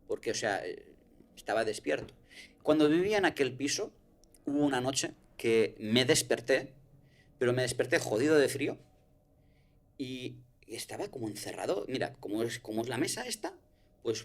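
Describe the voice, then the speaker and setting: A man's voice: medium pitch, animated, moderate pace. A man, telling a personal story in casual conversation, swearing and restarting often.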